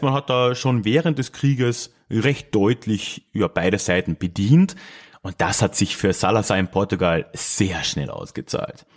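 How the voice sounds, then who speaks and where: Low-voiced man chatting through history. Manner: thinks aloud, restarts phrases, asides with "ne?" and short laughs. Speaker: podcast host explaining history. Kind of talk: casual spoken history talk.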